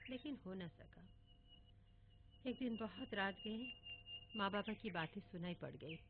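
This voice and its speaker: A woman telling a first-person story in a wistful, reminiscing, expressive way. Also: mid-range voice, unhurried. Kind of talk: dramatic first-person monologue reading. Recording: tinny phone-like audio with faint hiss.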